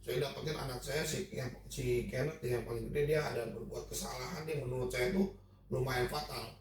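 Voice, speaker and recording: A man's voice: mid-range voice, steady tone, moderate pace, distant mic. A middle-aged man sharing a personal testimony in a casual church group chat. He talks with emotion and often repeats and restarts his phrases. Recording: echoey room, speaker off-mic.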